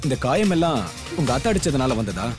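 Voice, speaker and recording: An actor playing a police inspector, firmly questioning and commanding, over serial music. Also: male voice, mid-range voice, very animated, quick pace, close to an everyday voice. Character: brisk stern police inspector.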